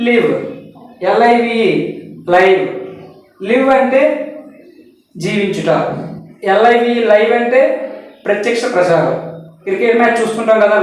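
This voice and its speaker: Man, Telugu accent, English lesson, spells out each word, very echoey, distant from mic. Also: high-pitched. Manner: spells words out letter by letter, explaining in Telugu. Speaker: English teacher.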